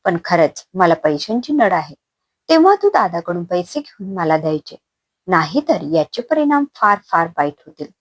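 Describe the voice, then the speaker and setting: A woman voicing a young man who menaces his sister-in-law, in a husky, threatening tone. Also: on the low side, very animated, moderate pace, no room sound. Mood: menacing. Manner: threatening, coaxing. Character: young male brother-in-law, menacing and pushy.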